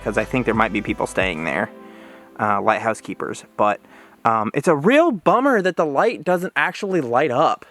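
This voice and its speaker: A man's voice: medium pitch, a bit bright. A young man talking through a casual outdoor vlog, chatty and easygoing, with plenty of fillers. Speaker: vlogger. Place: outdoors at a campground and lighthouse.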